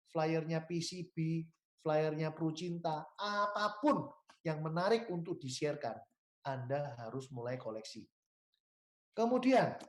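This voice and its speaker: A man's voice: fairly high pitch, darkish tone. A man with a Javanese accent giving an emphatic sales training talk to insurance agents. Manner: emphatic, coaching, mixes in Javanese and English words. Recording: roomy echo.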